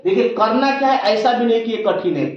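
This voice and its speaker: Male teacher, patient classroom lecture, repeats sounds, far-off mic, dull lo-fi sound. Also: very high voice. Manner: patient, repeats sounds slowly, asks questions and answers them. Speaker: Hindi teacher. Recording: echoey room, distant lo-fi mic.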